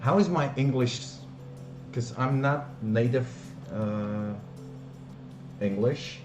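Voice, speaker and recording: A Flemish man from Belgium, a native Dutch speaker with that regional accent, walks viewers through software on a casual live stream. His mid-range voice is slow and full of fillers, hesitations and restarts. The audio is reverberant, with music playing in the background.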